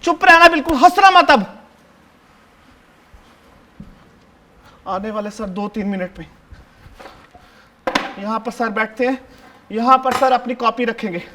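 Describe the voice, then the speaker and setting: A male actor performs solo onstage as a chatty, cheeky seventh grader, addressing the audience directly in a very high, boyish voice. He bosses and shushes his classmates, tattles to the teacher, and fawns by repeating "sir" constantly. The tone stays level and the pace unhurried, with frequent pauses and slight background noise.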